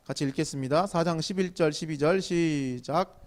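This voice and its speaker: A man's voice: on the high side, normal speed, darkish tone. A male pastor giving a sermon in a chatty style, asking the listeners questions and acting out lines of scolding. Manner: conversational, asks the audience questions and acts out scolding quotes. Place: indoor church hall at a small evening gathering.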